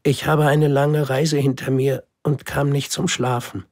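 A man's voice: medium pitch, little pitch movement, a little slow, a little mellow, no room sound, clean studio sound, voice pushed up, natural voice. A man voicing a shy, polite little prince in a storybook, asking timid questions. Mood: shy, wondering.

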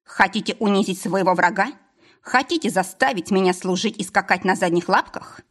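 A woman's voice: mid-range voice, normal speed, natural voice. A woman voicing a proud, bitter male healer who hisses his words through clenched teeth, in an audiobook. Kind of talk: audiobook character voice.

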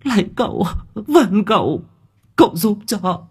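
Male narrator voicing a desperate grieving mother, high and wailing, husky tone, audiobook. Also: lively intonation, a little slow, heavily acted. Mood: pleading. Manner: wailing, pleading. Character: grieving middle-aged mother, pleading.

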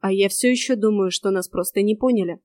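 A thoughtful young werewolf man muses quietly, as a woman reader puts him on. His voice is mid-pitched and recorded close and dry. He sounds inward and unhurried. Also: dry recording, lightly acted. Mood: musing. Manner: musing, quiet.

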